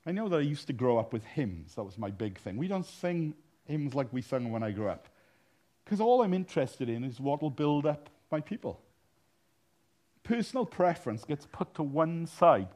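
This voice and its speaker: A male minister preaching a sermon in a blunt, animated way, teasing his congregation and breaking into sudden loud bursts. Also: fairly high pitch, normal speed.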